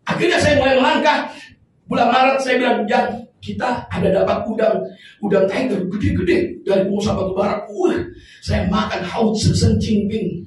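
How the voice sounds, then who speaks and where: A pastor preaching a sermon, swinging between loud shouts and hushed tones, recorded in a church hall. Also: male voice, high voice, normal speed. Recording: echoey church hall from far off, faint noise.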